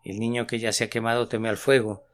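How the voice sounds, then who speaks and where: A man reading a sermon aloud with an earnest, measured preaching delivery. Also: on the low side, level tone. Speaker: sermon reader.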